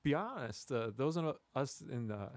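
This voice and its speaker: A man's voice: mid-range voice, very animated, normal speed, no room sound, close to an everyday voice. A man improvising a hesitant auditor who talks with many ums and restarts, in a dry recording. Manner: hesitant, filler-heavy. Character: hesitant male internal auditor. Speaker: improv performer.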